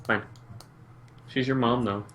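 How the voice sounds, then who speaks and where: A man's voice: mid-range voice, steady tone, takes it slowly, fairly bright tone, slight background noise. A man playing a tabletop game, speaking politely and plainly in character. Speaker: player. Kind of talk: tabletop role-play.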